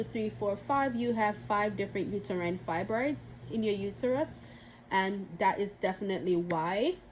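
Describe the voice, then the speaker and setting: A rough recording with a faint hiss or hum captures a young woman vlogger whose voice is medium-pitched, a little mellow, and stuffy from a cold. She rambles through a casual story to the camera, restarting often and leaning on fillers.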